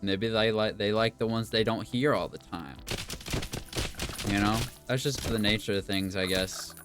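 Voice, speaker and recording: A man's voice: fairly low pitch, a little slow, over music. A man giving casual gameplay commentary, rambling and musing aloud in an offhand way. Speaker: gaming video creator.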